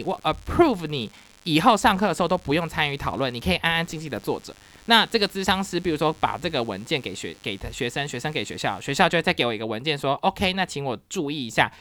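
A young adult university teacher telling a story in a casual podcast, animated and dropping English words into the talk. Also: mid-range voice, dry recording, studio quality.

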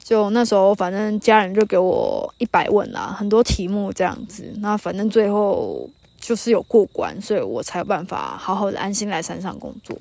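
A woman's voice: medium pitch, huge pitch swings, moderate pace, creaky, hardly any pauses, a little mellow, no echo. A woman in her thirties with a Taiwanese Mandarin accent, chatting casually as a solo podcast host and telling anecdotes, quoting people and laughing now and then. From northern Taiwan. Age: 30s. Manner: chatty storytelling, quotes people, laughs often. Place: mountain campsite by a campfire.

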